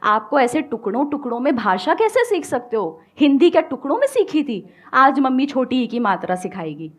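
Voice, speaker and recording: A woman with an Indian accent giving an animated motivational talk on speaking English, mixing Hindi and English. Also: high-pitched, moderate pace. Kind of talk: motivational talk with audience questions.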